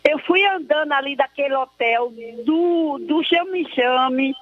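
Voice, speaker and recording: A very high-voiced woman phones into a radio show, earnest, effusive and devout, wandering from point to point. Her voice comes through a narrow, tinny phone line. The sound is dry and close, with no room around it. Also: takes it slowly, no echo. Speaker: caller. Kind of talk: emotional call-in complaint.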